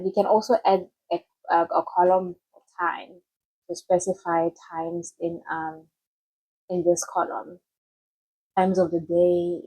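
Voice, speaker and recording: Poor audio captures a young woman's lowish, slightly mellow voice with a breathy edge. She shares study-planning advice to camera in a loose, chatty tutorial style, repeatedly starting sentences over and correcting herself.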